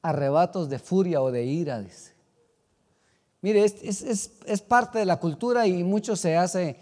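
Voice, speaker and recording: A man preaching a sermon as pastor, swinging from loud exclamations to quiet asides. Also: sits high, unhurried, in a large hall.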